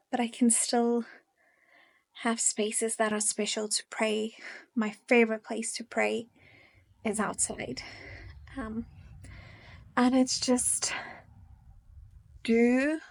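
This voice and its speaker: A young woman who vlogs about faith gives her viewers a casual, earnest devotional talk. Her slightly high voice is gentle and encouraging, with soft pauses.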